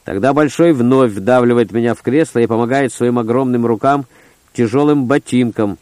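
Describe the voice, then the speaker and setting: A man's voice: mid-range voice, moderate pace, darkish tone, no room sound. A man reading a first-person story aloud in short, terse, gritty phrases. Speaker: audiobook narrator. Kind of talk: first-person audiobook narration.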